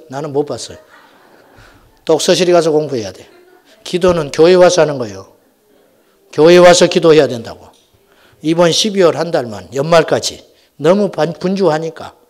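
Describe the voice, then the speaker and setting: A middle-aged man preaching a Friday night sermon as senior pastor, telling folksy stories and swinging from loud exhortation to hushed asides. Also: on the high side. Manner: animated, swings between shouting and near-whispering asides; folksy storytelling with acted quotes. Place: church sanctuary.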